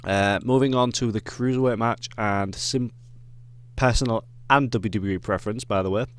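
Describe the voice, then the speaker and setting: Yorkshire guy chatting wrestling picks, kinda low voice, lots of ums and restarts. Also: moderate pace, clean tone. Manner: rambling, many ums and self-corrections. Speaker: wrestling reviewer. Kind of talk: casual predictions chat.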